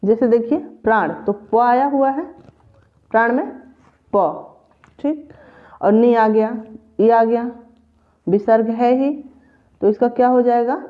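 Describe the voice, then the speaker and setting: A woman's voice: fairly high pitch, takes it slowly, pauses often. A woman teaching a grammar lesson for exam preparation, patiently repeating each example step by step. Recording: tinny phone-like audio.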